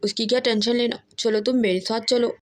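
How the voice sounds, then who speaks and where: A woman's voice: fairly high pitch, steady tone, brisk, a little mellow, lightly acted. A woman voicing a sly, scheming male hawk who gloats with a ho-ho laugh in a cartoon story. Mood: mocking.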